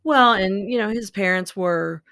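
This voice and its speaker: Brief: middle-aged woman host, mid pitch with a gravelly fry, quick to agree. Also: a bit bright. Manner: quick agreeing interjections, laughs easily. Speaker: podcast host. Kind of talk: casual book discussion.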